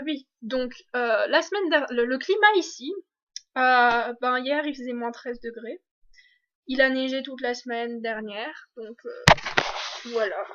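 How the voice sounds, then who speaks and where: A woman's voice: a little high, lo-fi sound. A young woman from France talking casually in a video diary, chatty with many restarts and fillers. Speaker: exchange student vlogger.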